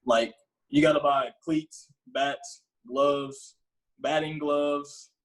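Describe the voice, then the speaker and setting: A young man talking casually as a podcast guest, relaxed and rambling with lots of filler words. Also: on the high side, drawn-out words, poor audio. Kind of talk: casual chat.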